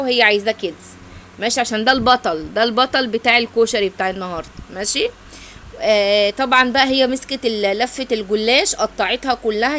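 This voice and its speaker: A middle-aged Egyptian woman talks over a cooking video in a rapid, tumbling stream, heaping blessings and oaths on her viewers. Her voice sits a little high for a woman. A faint hiss of room ambience runs underneath. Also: a bit bright. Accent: Egyptian Arabic. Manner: effusive, affectionate, full of blessings and oaths. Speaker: cooking channel host. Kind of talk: casual recipe voice-over.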